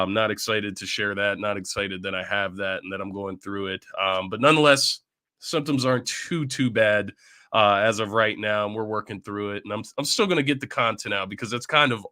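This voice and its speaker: A man hosts a casual pregame sports show with a bright, forceful voice that is audibly congested. He talks in a loose, chatty way and keeps checking in with his listeners. The sound is close and dry, with no room around it. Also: lowish voice, normal speed, clean tone, no echo. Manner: chatty, often tags lines with "right?". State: congested from illness. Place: at home.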